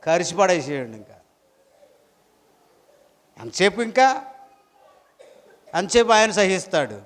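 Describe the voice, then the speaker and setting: A man's voice: high voice, sing-song, takes it slowly, fairly bright tone, long reverb tail. A pastor preaching a sermon, throwing rhetorical questions at his congregation.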